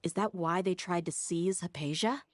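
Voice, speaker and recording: A woman voicing a calm, thoughtful young female ally in video game dialogue, speaking in a measured, reassuring way. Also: on the low side, no room sound, close to an everyday voice.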